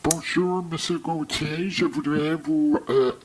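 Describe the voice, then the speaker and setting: A man calling in to a radio show, halting and overly polite. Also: a little high, steady tone, a little hiss or hum. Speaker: caller.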